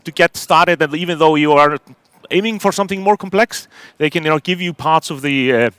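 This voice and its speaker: A man's voice: on the high side, a little fast, fairly bright tone, clean tone, no echo. A middle-aged man from Iceland, giving a technical conference talk from a stage, hesitant with many fillers and restarts. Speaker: conference speaker.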